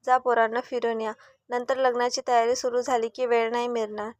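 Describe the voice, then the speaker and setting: A woman's voice: fairly high pitch, little pitch movement, brisk, no echo, lightly acted. A woman voicing a good-humored, indulgent older father in a storybook reading. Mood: jovial.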